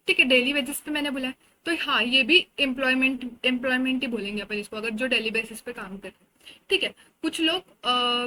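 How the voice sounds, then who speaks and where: A woman's voice: high voice, bright, forceful tone, a little hiss or hum, low-quality recording. A woman with an Indian accent giving an exam-oriented lecture, explaining in a conversational way with everyday examples. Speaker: teacher.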